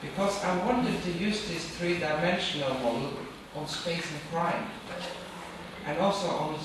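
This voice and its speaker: A middle-aged woman from Norway answers questions from a podium, thinking aloud with fillers and restarts. Her voice comes from well back in a big, booming auditorium. A steady hiss of room noise sits underneath. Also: recorded from a distance. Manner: thoughtful, halting with fillers and restarts. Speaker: workshop speaker. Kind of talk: answering questions after an academic talk. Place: large wood-paneled auditorium, on a stage at a podium. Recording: echoey hall picked up from afar, with background noise.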